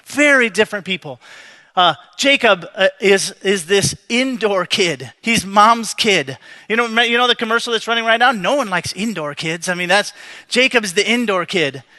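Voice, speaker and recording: A male pastor delivers a sermon like a casual storyteller, joking with the congregation and restarting his sentences often. His voice sits high for a man and sounds bright and forward. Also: animated, moderate pace.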